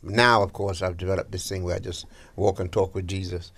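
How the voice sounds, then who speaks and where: Deep gravelly man hosting breakfast radio. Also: flat delivery, a little fast, a bit bright. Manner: chatty, preacherly, lots of agreeing yeahs. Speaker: radio show host. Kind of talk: casual on-air chat about faith.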